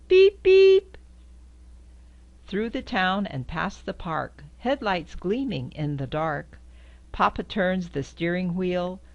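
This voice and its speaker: An older woman reads a children's picture book aloud in a sing-song manner, her voice squeaking high on the horn sounds. She's recorded indoors on a camera in front of her, with a quilt backdrop behind. Her voice is creaky and the recording muffled.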